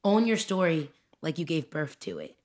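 A young woman co-hosting a podcast, talking in a casual, animated way and often laughing as she tells stories. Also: sits low, normal speed, over a noisy crowd. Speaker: podcast co-host. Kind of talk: casual chat.

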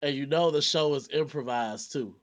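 Laid-back male podcast host, higher voice. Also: moderate pace. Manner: laid-back, joking, apologetic banter. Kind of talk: casual chat.

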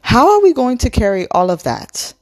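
A woman's voice: on the high side, huge pitch swings, moderate pace, a little mellow, pitched above the performer's own voice. A woman reading aloud and voicing an earnest, emotional teenage girl in a storybook. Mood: concerned.

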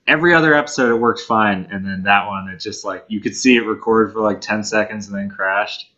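A young man from New York rambles easygoingly as a podcast guest. His voice is low yet bright and forceful, and the sound is a bit dull and lo-fi. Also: a little fast. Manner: easygoing, rambling, many fillers. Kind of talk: casual podcast chat.

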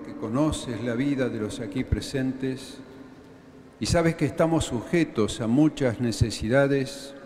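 A man leading a liturgy as a priest, reciting prayers in a solemn, measured way, with the cathedral echo around his voice. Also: mid-range voice, darkish tone, slight background noise. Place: large cathedral. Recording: long reverb of a large cathedral.

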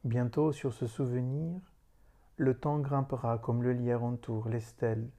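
Reciting a poem he wrote, a meditation leader delivers solemn verse slowly and contemplatively. His medium-pitched voice is dark and very mellow, with weighty pauses separating brief phrases. The intonation never rises or falls, staying level the whole way.

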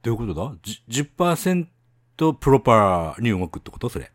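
A man from Tohoku, Japan co-hosting a casual bilingual chat, laughing often and protesting with animated repeated denials. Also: mid-range voice, quick pace, dry recording, clean studio sound. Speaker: podcast co-host.

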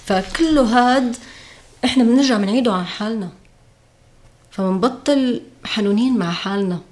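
A woman's voice: fairly high pitch, normal speed, a little mellow. A woman with a Levantine Arabic accent, a podcast guest in casual, reflective conversation. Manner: reflective, acts out quoted voices.

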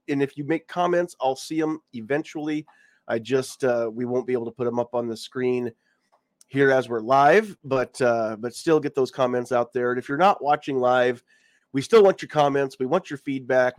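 A man with a mid-range voice hosts a casual live-stream podcast chat, congested as he gets over a cold and talking around a lozenge. The recording has no room sound.

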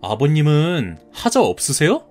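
A man's voice: fairly high pitch, wildly swooping pitch, unhurried, a little mellow, faint music behind. A man in his thirties voicing a polite but stubborn young groom-to-be who answers back in a cartoon story. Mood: defiant. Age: 30s. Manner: polite, defiant retorts.

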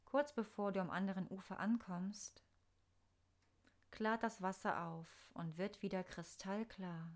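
A woman narrating a scripted guided meditation in a soft, soothing, unhurried manner with pauses. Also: mid-range voice, steady tone.

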